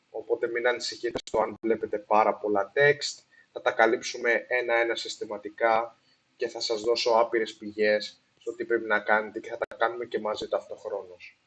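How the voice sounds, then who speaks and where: A man with a mid-range, slightly rough voice hosts a laid-back investing explainer. He mixes English phrases into his speech and fills it with hesitations and false starts. He apologizes for the recording's poor sound.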